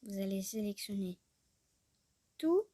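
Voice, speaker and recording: A woman's voice: medium pitch, lively intonation, takes it slowly, mellow, no echo. A woman chatting casually through a tutorial, rambling, talking to herself and often dropping to a murmur. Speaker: YouTuber showing a tutorial. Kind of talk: casual screen-recorded tutorial chat.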